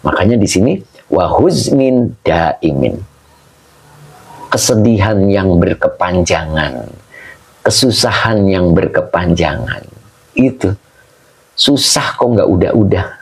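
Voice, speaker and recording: Male religious teacher, gravelly low voice, slow and patient. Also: low-quality recording. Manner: slow, explaining Arabic grammar, greeting viewers by name. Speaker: Islamic teacher. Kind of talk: live-streamed kitab study lesson.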